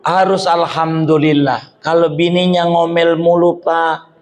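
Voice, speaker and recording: A man's voice: a little high, level tone, unhurried. A man giving a joking, colloquial Islamic study sermon to a gathering. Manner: joking, colloquial Jakarta slang. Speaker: religious teacher.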